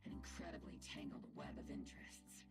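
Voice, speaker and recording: A woman's voice: a little fast, soft background music, close to an everyday voice. A woman voicing a wry, composed, articulate military officer in a video game. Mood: matter-of-fact. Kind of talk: game voice acting.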